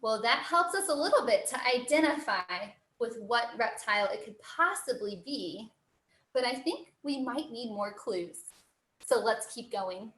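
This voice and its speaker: Casting: American woman, cheerful zookeeper type teaching kids online, high-pitched voice, roomy echo. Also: animated, unhurried, fairly bright tone. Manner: cheery, encouraging zookeeper manner. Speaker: zoo educator. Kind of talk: live online lesson for children. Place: indoor room, online video call. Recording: roomy, echoing sound.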